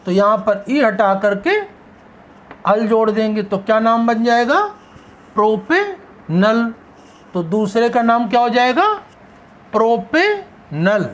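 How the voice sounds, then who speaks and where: A male chemistry teacher with a high voice lectures to a class in a steady tone at a moderate pace. He asks questions and answers them himself, drawing out the key terms.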